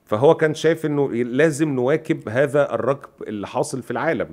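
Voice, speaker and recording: Brief: Egyptian man, podcast co-host, rattles off anecdotes at top speed in a middling voice. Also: mid-range voice. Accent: Egyptian Arabic. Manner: rapid, animated retelling with quoted dialogue. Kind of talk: casual storytelling chat.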